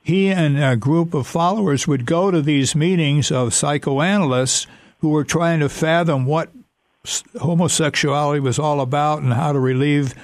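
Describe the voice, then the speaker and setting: A man as a talk-show guest, explaining in a measured, slightly halting way. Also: on the high side, dry recording.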